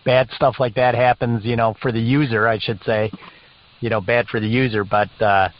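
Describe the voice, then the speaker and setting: A male podcast host chatting casually with a guest, giving short, encouraging replies. His voice has a middling pitch and a muffled, lo-fi quality. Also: little pitch movement, moderate pace, no room sound. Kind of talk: casual interview chat.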